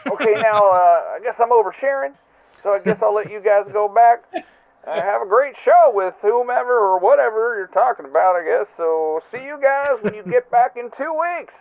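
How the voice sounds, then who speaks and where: Comic bit: man voicing a hapless, chummy caller, very high gravelly voice, heard through a tinny phone line. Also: expressive, moderate pace. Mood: rambling. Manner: rambling, chummy, self-important. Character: goofy oversharing male caller, cheerful and hapless. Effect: heard over a phone line as a voicemail message.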